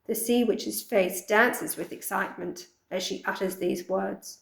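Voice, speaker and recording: A woman narrating a children's fantasy audiobook in a steady, expressive reading voice. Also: mid-range voice, measured pace, gravelly, roomy sound, poor audio. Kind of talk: scripted storybook narration.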